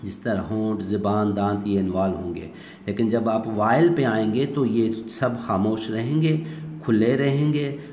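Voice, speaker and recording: A man's voice: fairly low pitch, a little slow, a little mellow. A man teaching an online English class, explaining patiently, mixing in English phrases and filler words. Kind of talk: online lecture. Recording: echoey room with faint noise.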